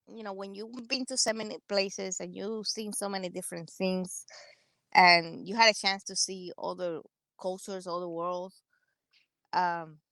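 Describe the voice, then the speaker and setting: A woman from Cuba speaks English with a Cuban Spanish accent, bright and lively. Her talk comes in loud bursts and quick asides. The earbud mic gives a dry, close sound on a video call from outside. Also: mid-range voice, creaky, no echo, rough recording. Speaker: guest, Army veteran and entrepreneur. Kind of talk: casual interview conversation. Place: outdoors on a sunny patio. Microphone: wired earbud headset on a video call.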